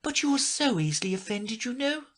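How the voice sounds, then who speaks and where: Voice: medium pitch, expressive, normal speed, husky, pitched above the performer's own voice. A narrator voicing a polite, curious little girl with an eager, humble manner for a storybook. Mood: pleading.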